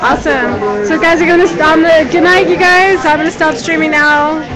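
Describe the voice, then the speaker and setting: Chatty high-voiced woman streaming from phone. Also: steady tone, moderate pace, poor audio. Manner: chatty, scattered, laughs easily. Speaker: livestream host. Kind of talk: casual chat. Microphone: phone held close. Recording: phone recording with crowd noise.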